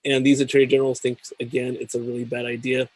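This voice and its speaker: A man's voice: mid-range voice, completely flat delivery, a little mellow, rough recording. A man hosting a tech talk show, reading news items and then interviewing a guest. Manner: measured, reads news items then chats. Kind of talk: scripted news segment and interview.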